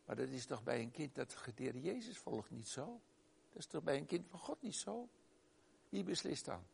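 A man preaching a sermon and telling a personal story, emphatic and exclaiming, swinging between loud and soft. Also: a little high, big pitch swings, normal speed, creaky, slightly rough.

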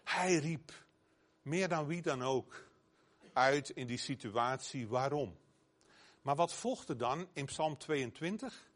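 A man's voice: mid-range voice, lively intonation, slow pace, long pauses. A man preaching a sermon earnestly, growing emphatic when he quotes scripture.

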